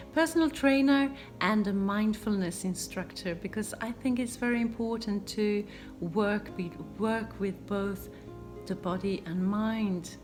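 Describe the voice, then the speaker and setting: A woman in her fifties from Sweden with a Swedish accent, a non-native English speaker, answering viewer questions in a relaxed vlog with many pauses and ums. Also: mid-range voice. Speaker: home renovation YouTuber. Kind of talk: casual Q and A vlog.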